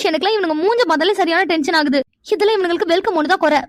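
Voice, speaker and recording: A woman voicing a hot-tempered young woman in a cartoon, talking sharp and exasperated. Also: extremely high pitch, rapid-fire, dry recording. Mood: irritated. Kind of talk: cartoon voice acting.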